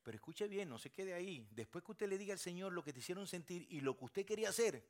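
A male pastor preaching in a voice pitched somewhat high for a man. He drops to hushed, near-whispered passages, then rises to loud, shouted peaks, and he hammers his points home by repeating them. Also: lively intonation, fast talker. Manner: preaching with big swings from quiet near-whispers to shouted climaxes; repeats key phrases for emphasis. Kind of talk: sermon.

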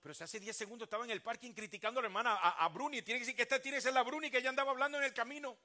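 An older male pastor with a high, bright voice preaches in a lively, theatrical way at a racing pace. He slips in and out of acted churchgoer voices. He swings from loud bursts to soft asides.

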